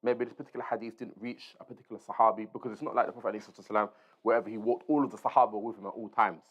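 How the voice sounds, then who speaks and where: Speaking very fast in a lowish voice with fairly even intonation, a man gives an informal Islamic lesson. He reads aloud, explains as he goes, and uses short tags to check in with listeners, all captured on a dull, lo-fi recording.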